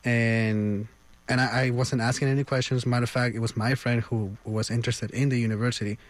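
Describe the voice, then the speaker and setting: A man's voice: medium pitch, flat delivery, fairly quick. Hesitant young man from Peru. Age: young adult. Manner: hesitant, with many fillers and restarts. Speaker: music student guest. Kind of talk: radio interview.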